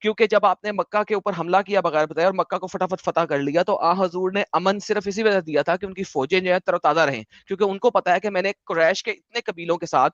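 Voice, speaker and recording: A man hosting an online debate, lecturing forcefully and dropping English phrases into his speech. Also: sits high, fast, hardly any pauses, dry recording, lo-fi sound. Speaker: debate host.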